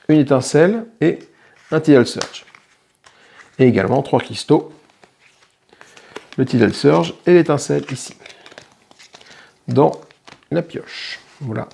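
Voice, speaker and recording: A man's voice: a little high, lively intonation, takes it slowly, gravelly, pauses often, mellow, a little hiss or hum. A man hosting a tabletop game channel, casually explaining a solo playthrough and thinking aloud with small self-corrections. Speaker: board game channel host.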